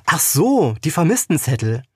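A man's voice: on the high side, sing-song, moderate pace, slightly rough, no echo, clean studio sound, voice pushed up. A man reading aloud and voicing a stubborn, defiant woman who is searching for her lost cat. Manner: defiant, guarded. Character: stubborn young woman, worried cat owner.

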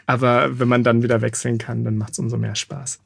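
A man who is the author and guest, talking in a measured, self-deprecating way and reading his book aloud. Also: mid-range voice, little pitch movement, creaky. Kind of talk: casual interview and audiobook reading.

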